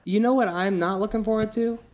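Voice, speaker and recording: A man's voice: high voice, steady tone, a little fast, darkish tone. A young man co-hosting a podcast, talking in a casual, earnest and emotional way, with lots of restarts. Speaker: podcast co-host. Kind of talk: casual chat.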